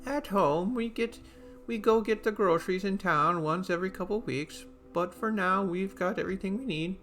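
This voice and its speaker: A man's voice: high voice, normal speed, fairly bright tone, faint music behind, pitched above the performer's own voice. Man playing a fussy elderly housewife. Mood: fussing.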